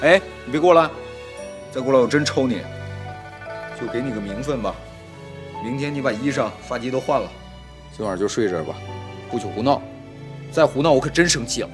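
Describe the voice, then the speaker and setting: An actor playing a flustered young master of a household in a comedic period TV drama, scolding and coaxing by turns in an exasperated way. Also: male voice, medium pitch, expressive, fairly quick, pauses often, lightly acted. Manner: exasperated, scolding, jumps between coaxing and alarm. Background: background music.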